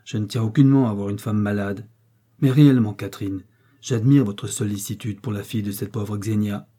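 A man reading an audiobook, voicing a domineering, coldly ironic prince with a dark, husky voice. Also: fairly low pitch, fairly even intonation, fairly quick. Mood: cold, commanding. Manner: commanding, cutting and sarcastic.

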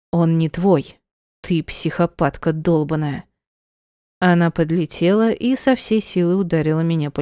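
A woman narrating a first-person audiobook in a measured, tense storytelling manner on a close mic. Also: lowish voice, mellow, no echo.

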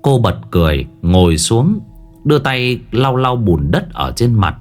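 A male storyteller reads a ghost story with a lively, swooping delivery. Faint music plays beneath his voice. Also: mid-range voice, measured pace. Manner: animated, dramatic.

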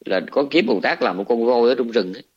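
A man with a Southern Vietnamese accent, a Buddhist monk giving a dharma talk, retelling a scripture story in a colloquial, animated way. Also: mid-range voice, fast, slightly rough. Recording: dull lo-fi recording.

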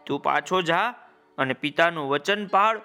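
Noble young prince, calm, gently firm, storybook voice, high and bright, as a male storyteller does him. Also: unhurried, clean tone, faint music behind. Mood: earnest.

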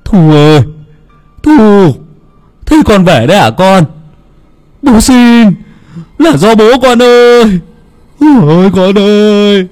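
A man's voice: low-pitched, sing-song, fairly quick, dark tone, breathy edge, voice pushed down, full character voice. A man voicing an old father overcome by grief and fear, stammering and wailing as he talks. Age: older.

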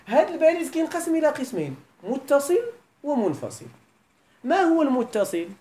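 Moroccan woman teacher, high voice with a lot of lift and fall, fires questions at the class. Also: big pitch swings, a little fast, mellow. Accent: Moroccan Arabic. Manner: quizzes the class with frequent questions. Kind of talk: classroom grammar lesson.

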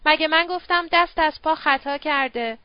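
A woman voicing a drunk, smooth-talking middle-aged male opium user who coaxes and wheedles. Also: high voice, dry recording, lo-fi sound, lightly acted. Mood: coaxing. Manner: wheedling, slurred persuasion.

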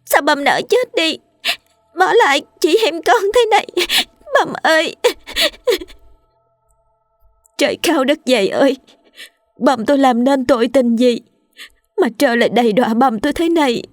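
A woman's voice: high-pitched, animated, moderate pace, no echo, clean studio sound, faint music behind, voice pushed up. A woman voicing a fourteen-year-old village girl who wails and sobs in grief. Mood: wailing. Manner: wailing, sobbing cries.

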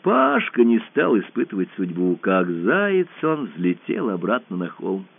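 A man reading a children's storybook aloud in a lively, expressive way, heard over a narrow phone-like band. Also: lowish voice, unhurried, gravelly. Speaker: narrator.

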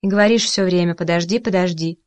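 A woman's voice: fairly low pitch, no echo, natural voice. A woman reading a blunt, talkative young woman. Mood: recounting. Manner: direct, brisk storytelling.

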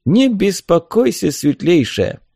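A man's voice: high voice, sing-song, slow, vocal fry, dark tone, slightly rough, no room sound, clean studio sound, pitched above the performer's own voice, full character voice. Man doing a courteous old merchant.

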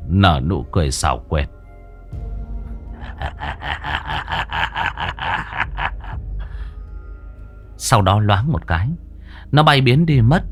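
A man narrating a horror story with dramatic expression. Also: deep voice.

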